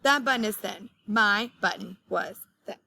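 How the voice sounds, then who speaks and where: A woman's voice: mid-range voice, measured pace, vocal fry, bright, forceful tone, no room sound, full character voice. A woman voicing a fretful, easily exasperated male toad in a storybook, complaining as he goes. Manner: exclaiming, complaining.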